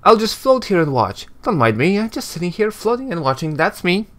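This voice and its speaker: A man's voice: sits high, big pitch swings, a little fast, fairly bright tone, pitched above the performer's own voice. A man voicing a wisecracking floating skull in a game, chatty and cheeky.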